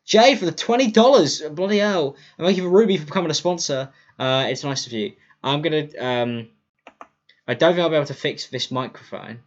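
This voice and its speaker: A man's voice: fairly high pitch, a little fast. A man chatting casually on a livestream through a cheap mic. He rambles, apologizes, and stumbles over his words. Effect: lo-fi livestream mic audio. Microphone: cheap computer mic for streaming. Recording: dull lo-fi streaming mic, faint music.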